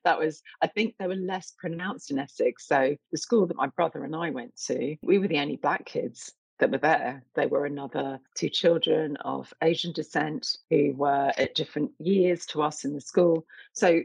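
Casting: middle-aged East London woman, gravelly and husky, reflective conversational storyteller. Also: low voice, moderate pace, dry recording, low-quality recording. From East London, England. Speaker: interviewed artist.

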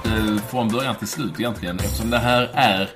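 Playful low-voiced male podcast host. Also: music in the background. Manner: playful, mock-grand phrasing. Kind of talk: casual podcast chat. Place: home in Stockholm.

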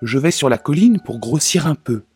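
Male narrator as the middle storybook goat, husky and lively. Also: fairly high pitch, moderate pace, soft background music. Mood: pleading. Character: middle billy goat, not so small voice.

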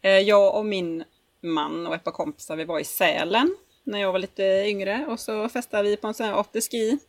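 A woman's voice: medium pitch, no echo. A woman co-hosting a podcast in casual chat, often laughing as she tells stories. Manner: giggly, laughs often while telling stories. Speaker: podcast co-host.

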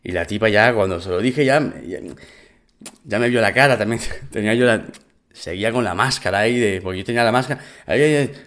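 A man with a Spain Spanish accent telling a personal story in casual, animated, profane talk. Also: on the low side, fairly quick.

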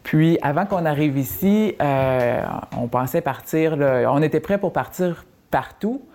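A woman's voice: low-pitched, animated, a little slow, warm tone. A woman with a Quebec French accent, a guest who talks about moving often, restless and repeating herself. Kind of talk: interview testimony.

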